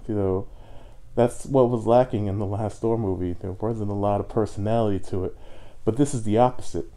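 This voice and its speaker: A man's voice: fairly low pitch, steady tone, brisk, mellow. A man reviewing a film in casual, enthusiastic chat, full of fillers, speaking muffled through a costume head. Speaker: movie reviewer. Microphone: muffled inside a fursuit head.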